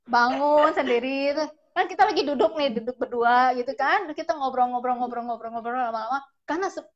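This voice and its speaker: A mother guest on a live stream shares her experience with her child, animated and full of exclamations. Her voice is a little higher than average. The sound is dull and lo-fi, as from an online call. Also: quick pace. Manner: animated, expressive, exclaims often. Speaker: parent guest sharing experience. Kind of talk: casual storytelling. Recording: dull lo-fi livestream audio.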